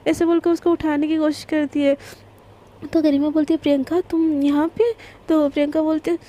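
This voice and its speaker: High, flat-voiced woman telling a story. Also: fairly quick. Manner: chatty, fillers like "ना" and "एकदम". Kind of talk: casual spoken story narration.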